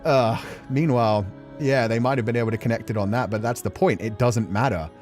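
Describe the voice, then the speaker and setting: A streamer hosting a game playthrough offers casual, reflective commentary in an earnest, emotional, rambling way. His voice sits in the mid range, moves fairly quickly, and has a darkish tone. Music plays behind him.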